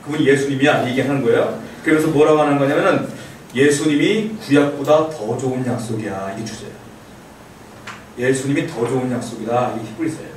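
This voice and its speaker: A man's voice: mid-range voice, brisk, a little hiss or hum. A middle-aged male pastor giving a casual teaching sermon, playfully acting out the lines of a letter in a chatty voice. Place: church hall. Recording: very echoey hall, mic far off.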